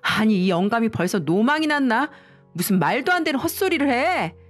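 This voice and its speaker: A woman voicing a hot-tempered young husband who shouts angrily at his father in a spoken story. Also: a little high, very animated, a little fast, soft background music. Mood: furious. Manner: angry, shouting.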